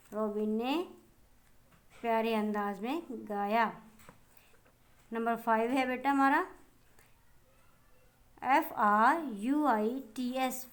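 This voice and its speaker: Slow-spelling woman teacher with Pakistani accent. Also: a little high. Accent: Pakistani Urdu. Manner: slow, spells words letter by letter and translates them; addresses pupils fondly as children. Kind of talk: online class lesson for young children.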